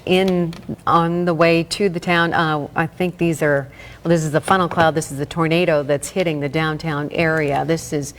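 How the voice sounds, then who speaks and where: Low-voiced female news anchor. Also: steady tone, normal speed. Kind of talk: live breaking news commentary. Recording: faint background noise.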